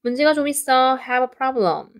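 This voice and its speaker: Female English tutor, unhurried, slightly high voice, patient repetition of drills. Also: animated. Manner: patient, repeats example sentences slowly. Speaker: English teacher. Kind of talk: explaining lesson.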